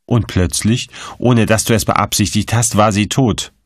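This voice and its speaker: A man voicing a stern male magistrate who questions in a firm, cold, measured way. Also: fairly low pitch, fairly even intonation, breathy edge, no room sound, clean studio sound.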